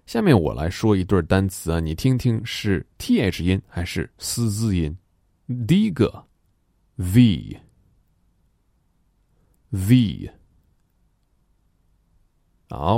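A man teaching a pronunciation lesson, demonstrating sounds slowly and deliberately and joking along the way. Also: deep voice, darkish tone, no echo, clean studio sound.

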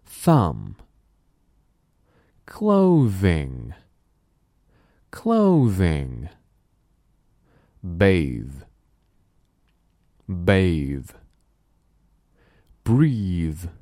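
A man teaching a pronunciation lesson, demonstrating sounds slowly and deliberately and joking along the way. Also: low-pitched, dark tone, no room sound, clean studio sound.

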